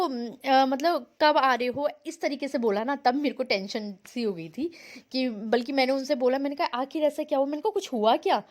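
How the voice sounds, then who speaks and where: A woman's voice: high voice, darkish tone. A young woman from India narrating her family vlog in a chatty, rambling way, mixing in English words. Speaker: vlogger.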